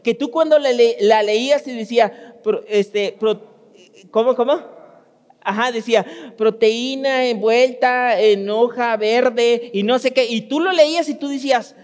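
Pastor, man, very high voice, chatty sermon to the congregation, long church-hall reverb. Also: moderate pace, darkish tone. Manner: speaks directly to the congregation, storytelling with frequent restarts. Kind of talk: conversational sermon.

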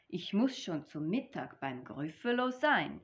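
A woman's voice: lowish voice, sing-song, unhurried. A woman voicing a small, clever mouse in a read-aloud storybook, bold and sure of herself, on a dull lo-fi recording.

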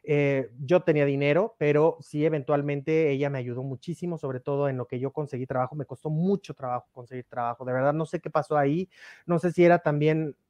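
A man's voice: a little high, a little fast, no room sound, highs cut off. A man, a podcast guest, telling personal stories casually and acting out the dialogue with animation. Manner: animated, acts out quoted dialogue. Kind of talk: casual storytelling.

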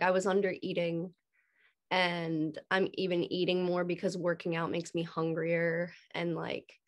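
Young woman, lowish voice, chatty, earnest, casual interview talk. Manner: chatty, filler-heavy, earnest. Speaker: guest.

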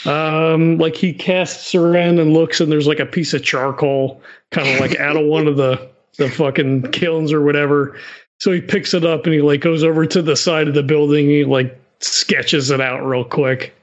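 A man chats casually as a player in a tabletop game, hesitant and loose. His voice is a little high. The mic sounds dull and lo-fi. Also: flat delivery, moderate pace.

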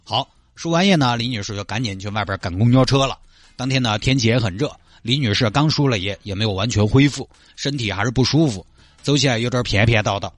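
Sichuanese male storyteller, low relaxed telling, dry close mic. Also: fast talker, no room sound. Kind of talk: comic storytelling narration.

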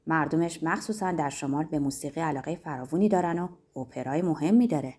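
A woman's voice: sits low, warm tone, slight background noise, voice pushed down, lightly acted. A woman voicing a carefree young immigrant woman who teases and argues in a breezy way in a story. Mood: teasing, breezy. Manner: teasing, breezy, argumentative.

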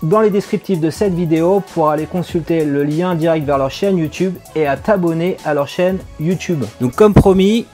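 A man hosts a casual video tutorial, speaking directly to the viewer. His voice sits a little high, and he is chatty with the odd hesitation. Faint music plays underneath. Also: moderate pace, hardly any pauses, mellow. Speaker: YouTube tutorial host.

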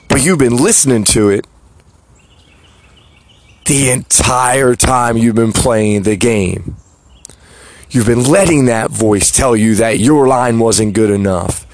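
A man speaking at an unhurried, deliberate pace in a motivational podcast monologue. His voice sits at an ordinary middle pitch, and he keeps checking in with his listener through rhetorical asides. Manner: slow, reflective, rhetorical "right?" asides. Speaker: podcast host.

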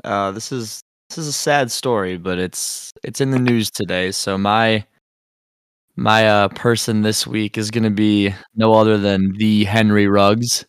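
Male co-host, lowish smooth voice, hesitant with fillers, dry close sound. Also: steady tone, measured pace, no room sound. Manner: hesitant, filler-heavy delivery. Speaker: podcast co-host. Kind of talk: casual chat.

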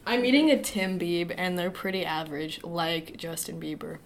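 A woman's voice: fairly low pitch, lively intonation, normal speed, noisy background. A woman co-hosting a casual podcast chat, playfully quizzing the guest. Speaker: podcast co-host.

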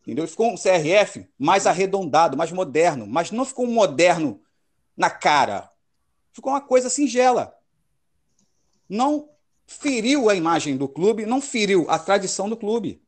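Emphatic Brazilian man, lively high voice. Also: normal speed. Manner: emphatic, opinionated, slangy. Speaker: podcast host. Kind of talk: casual football chat.

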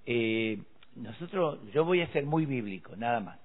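A man's voice: mid-range voice, lively intonation, a little slow. A man on a faith radio show, quoting scripture firmly and correcting his co-host. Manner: quotes scripture, firm and corrective. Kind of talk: casual devotional radio chat. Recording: tinny phone-like radio audio.

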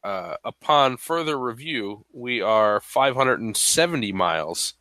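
A man's voice: medium pitch, expressive, unhurried, pushed and bright, dry recording. A man with a stuffy voice hosting a podcast in a playful, casual, chatty way. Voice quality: stuffy, congested-sounding. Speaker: podcast host. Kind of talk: casual chat.

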